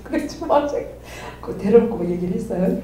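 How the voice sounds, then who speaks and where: Middle-aged woman, candid testimony with frequent laughs; mellow tone, distant mic in a very echoey room. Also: mid-range voice, animated, brisk, slight background noise. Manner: candid, laughs often while telling. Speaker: study group member. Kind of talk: personal testimony sharing.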